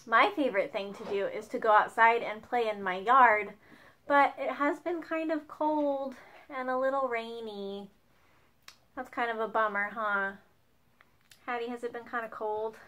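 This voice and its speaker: A young woman leading a children's song lesson at home with a slow, sing-song, cheerful teacher voice. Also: a little high, steady tone, pushed and bright. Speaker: children's music leader. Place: home dining room.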